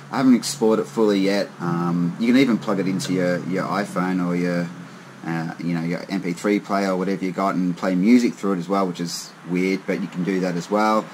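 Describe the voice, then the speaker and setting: A hobbyist maker shows off his homemade synths at a wooden tabletop indoors, speaking casually and a little hesitantly in a laid-back, hands-on demo. His voice sits low, and the poor recording carries a bit of hiss or hum.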